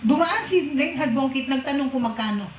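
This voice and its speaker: A woman preaching with a high, bright voice in a church hall with an echo. She keeps asking the congregation questions and mixes in English phrases. Faint noise sits behind her. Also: expressive, normal speed. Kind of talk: sermon.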